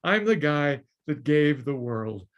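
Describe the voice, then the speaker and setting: Slow and fairly bright, this older man's slightly high voice swings widely in pitch as he shares showbiz stories as an interview guest on a video call. A former studio story editor and screenwriter, he chuckles and mimics the people he quotes.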